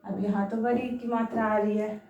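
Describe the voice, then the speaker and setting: A woman's voice: mid-range voice, flat delivery, normal speed, darkish tone, echoey room, recorded from a distance, lo-fi sound, slight background noise. A woman teaching a children's lesson on Hindi vowel signs, patient, stretching syllables out and asking frequent questions.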